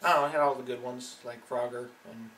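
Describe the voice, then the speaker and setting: A man's voice: mid-range voice, steady tone, fast talker, fairly bright tone, reverberant, distant mic, slight background noise. A man in his twenties introducing himself hesitantly, with many "uh"s. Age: 20s. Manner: hesitant, full of "uh"s. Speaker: math tutor. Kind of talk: casual self-introduction.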